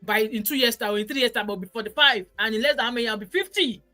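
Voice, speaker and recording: A woman's voice: a little high, racing, sharp tone, faint music behind. A Nigerian woman in her forties hosting a casual live stream, reading viewer comments in an emphatic, chatty way and dropping in pidgin words. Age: 40s.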